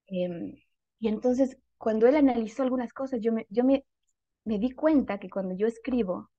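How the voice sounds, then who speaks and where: Woman writer, reflective interview guest, warm dry voice, self-correcting. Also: a little high, no echo, muffled recording. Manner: thoughtful, animated, frequent fillers and self-corrections. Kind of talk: casual conversational interview.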